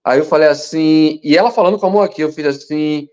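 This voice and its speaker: A man teaching a hypnosis lesson, telling stories with animation and sometimes dropping to a soft, slow voice to show calm. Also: fairly high pitch. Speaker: hypnosis instructor. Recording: dull lo-fi sound.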